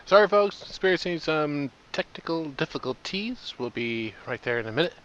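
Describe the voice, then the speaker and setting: A man's voice: on the high side, lively intonation, normal speed, a bit bright, a little hiss or hum. A man co-hosting a casual online show over a voice call, joking and teasing, on a dull lo-fi mic. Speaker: co-host.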